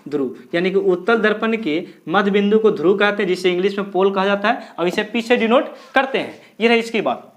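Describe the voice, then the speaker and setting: A man giving a physics lesson, who keeps asking the class questions, answers them himself, and repeats key terms slowly. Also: high-pitched. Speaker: physics teacher. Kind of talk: blackboard lecture.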